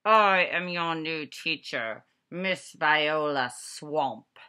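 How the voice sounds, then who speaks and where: A woman voicing a mean, stern substitute teacher for a storybook, snapping commands with drawn-out words. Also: low-pitched, sharp tone, clear, resonant tone, heavily acted.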